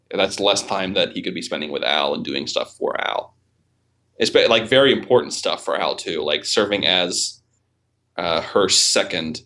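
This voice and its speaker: A man's voice: sits low, pushed and bright. A man hosting a casual podcast chat, rambling with many fillers and restarts and swearing casually. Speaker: podcast host.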